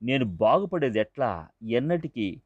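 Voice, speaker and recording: A man's voice: very animated, measured pace, a little mellow, no echo. Guy doing a crying sorry devotee, begging and strained, kinda muffled dry audio. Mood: pleading. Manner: pleading, sobbing, higher and strained. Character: weeping remorseful middle-aged male devotee, desperate. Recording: dull lo-fi dry recording.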